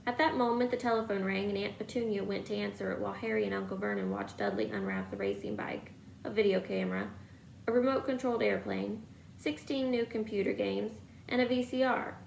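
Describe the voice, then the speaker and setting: A woman reading a novel aloud with a gravelly, creaky voice. Her steady storytelling sounds in an echoey room, with faint noise behind. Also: medium pitch, brisk. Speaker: reader.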